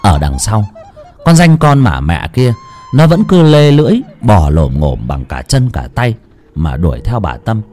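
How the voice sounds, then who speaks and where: Deep, dramatic male ghost storyteller. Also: big pitch swings, measured pace, darkish tone.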